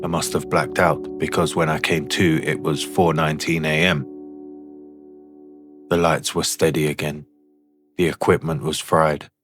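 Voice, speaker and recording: Voicing a haunted signal technician in an exaggerated, extremely low register, a man tells a first-person horror story in a haunted, uneasy mood. His phrases come deliberate, short, and broken, over clearly audible background music.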